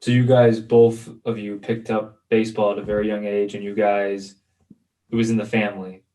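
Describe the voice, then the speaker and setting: A man's voice: fairly low pitch, level tone, normal speed, dark tone. A man hosting a casual interview, asking direct questions in a friendly way.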